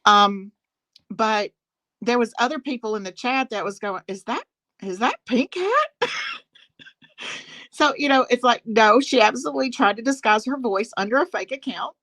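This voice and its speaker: Speaking over a phone on speakerphone, this Southern woman runs a relaxed live-stream where she comments on drama, stressing points by repeating herself with emphasis. Her tone is a little high, expressive and fairly bright. She keeps a moderate pace broken by long pauses.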